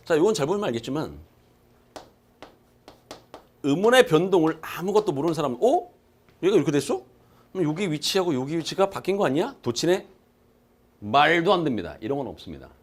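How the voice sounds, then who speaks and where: In a lecture room, a medium-pitched male exam-prep instructor gives a recorded class. He speaks emphatically, asks his students questions only to answer them himself, and drills key terms by repeating them.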